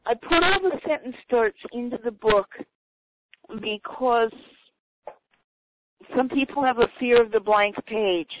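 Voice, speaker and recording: Woman author, chatty and unhurried, thinking aloud; tinny phone line with a steady hiss behind her. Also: fairly high pitch. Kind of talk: casual talk on a phone call. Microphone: telephone.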